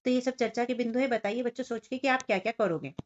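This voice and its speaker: In a fairly high voice and at a fast pace, a female teacher guides young children through a Hindi workbook, talking to them directly. She goes through every picture and question one step at a time, captured on dull lo-fi audio.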